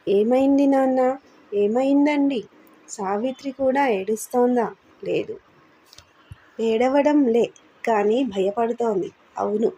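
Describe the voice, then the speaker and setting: A woman performs a beaten middle-aged man drifting in delirium, his breathy voice pitched a little high and soft-edged. He pleads in broken fragments and repeats his words over and over, a storybook figure lost in pain and fear.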